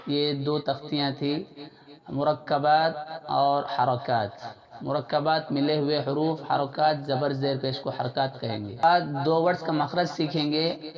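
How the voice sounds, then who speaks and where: Slow-spoken man teaching Quran pronunciation. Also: a little high. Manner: repeats sounds and phrases slowly for learners to copy; chants verses in a drawn-out melodic recitation. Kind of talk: slow step-by-step tajweed lesson. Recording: dull lo-fi sound with crowd noise behind.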